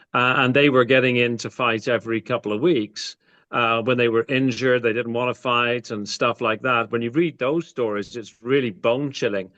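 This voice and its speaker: A man's voice: mid-range voice, a bit bright, dull audio. A man from Canada, a guest on a boxing chat, talking earnestly and opinionatedly on a video call. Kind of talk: casual panel chat.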